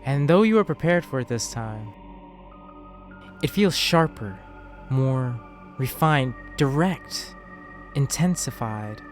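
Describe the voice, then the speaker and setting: A man narrating a tabletop game as game master, with deliberate, dramatic phrasing. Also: mid-range voice, lively intonation, faint music behind.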